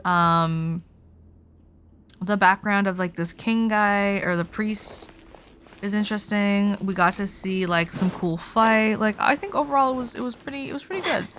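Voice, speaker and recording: This livestreamer sounds tired, chatting informally and aimlessly during a gaming session and often letting her thoughts trail off. Her voice is medium-pitched, a bit bright and at a normal speed, with a little hiss or hum. Game music plays underneath.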